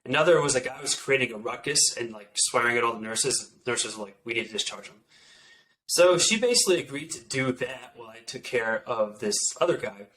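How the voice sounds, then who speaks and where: A man in his thirties, an orthopedic surgeon, telling stories from residency in a casual, animated way full of "like" fillers. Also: mid-range voice, fairly quick, hardly any pauses, rough recording. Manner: animated, many "like" fillers, quotes others in asides. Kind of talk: casual podcast storytelling.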